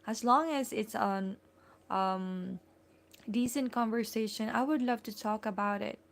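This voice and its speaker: A woman's voice: a little high, unhurried, creaky. A woman with a Filipino accent hosting a casual live stream from home, chatty and full of fillers as she greets and thanks viewers by name. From Philippines.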